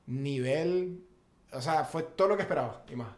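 A man from Maracaibo with a Venezuelan Maracaibo accent, co-hosting a casual podcast chat. He talks in an animated, slangy way, full of fillers. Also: on the high side, normal speed. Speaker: podcast co-host.

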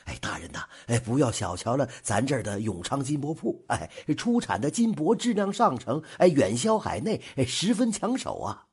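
A man's voice: medium pitch, sing-song, normal speed, hardly any pauses, breathy edge, heavily acted. A man voicing an eager, deferential male clerk who keeps sighing "ai" between phrases. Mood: coaxing. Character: fawning nervous male clerk, eager to please.

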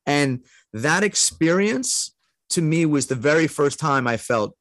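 A man's voice: a little high, lively intonation, a little slow, fairly bright tone, no echo. A middle-aged man sharing a heartfelt personal story as a podcast guest, earnest and emotional, laughing often.

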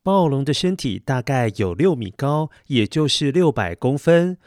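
A man's voice: medium pitch, very animated, moderate pace, darkish tone, dry recording, clean studio sound. A man hosting a children's story show, narrating playfully and often putting questions to the young listener.

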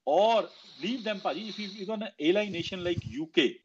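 A man's voice: sits high, a little fast, slight background noise. A man with a North Indian Punjabi accent hosting a casual online political discussion, making his points in emphatic, repetitive phrasing. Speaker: host of an online audio discussion. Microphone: online audio call. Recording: slightly muffled online call audio.

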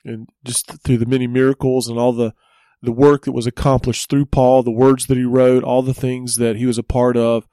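A man hosts a church teaching podcast in a relaxed, conversational way, often pausing on fillers. His voice is mellow and warm at a middle pitch. The studio sound is dry and close. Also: no room sound. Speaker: church ministry host.

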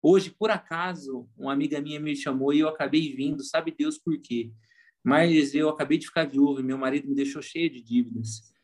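A man with a Brazilian Portuguese accent, a pastor chatting casually on a podcast and telling lively stories. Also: on the high side, moderate pace. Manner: animated storyteller, acts out quoted voices.

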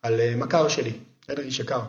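A man's voice: echoey room, dull audio. A man as a podcast guest giving parenting advice through vivid, emphatic anecdotes. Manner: animated storyteller, emphatic, lively pitch swings.

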